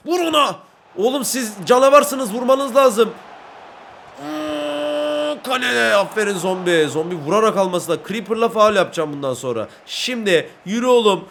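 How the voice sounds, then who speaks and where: A young Turkish man giving jokey, excited commentary over his own football video game, getting loud at the big moments. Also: slight background noise. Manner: shouts and rises in pitch at goals, jokey running commentary. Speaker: gaming YouTuber.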